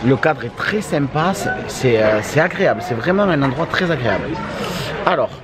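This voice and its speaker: A man in his thirties vlogs casually from a large wooden restaurant hall, his expressive mid-range voice at a moderate pace, repeating himself and tagging phrases. The handheld camera at arm's length picks up a busy restaurant crowd all around.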